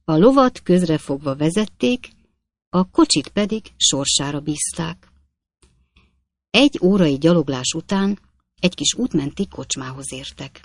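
A woman reads a classic novel aloud in a calm, even storytelling manner. Her voice is low and the recording is close and dry, with no room sound. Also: no echo. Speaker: audiobook narrator. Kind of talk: scripted narration.

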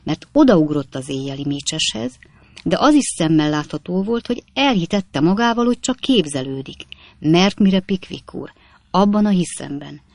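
Male audiobook narrator, gravelly, unhurried literary reading. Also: high voice, big pitch swings, darkish tone, no echo. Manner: measured literary storytelling. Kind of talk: scripted narration.

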